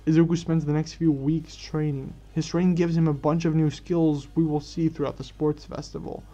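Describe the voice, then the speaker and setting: Male fan-story reader, casual and halting with self-corrections; mellow, slightly high voice. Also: level tone. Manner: stumbling restarts and self-corrections. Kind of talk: reading a fan story aloud. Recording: dull lo-fi recording.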